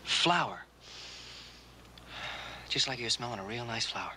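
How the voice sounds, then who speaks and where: A young actor playing a rancher who patiently coaches a deaf girl, repeating words slowly and gently in a 1960s TV western. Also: medium pitch, animated, noisy background, close to an everyday voice. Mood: patient coaxing. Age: young adult.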